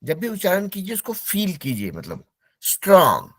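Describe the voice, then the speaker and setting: A man's voice: high voice, wildly swooping pitch, dry recording. Patient male teacher drilling English words. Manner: patient, repeats words slowly for pronunciation drill. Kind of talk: online class instruction.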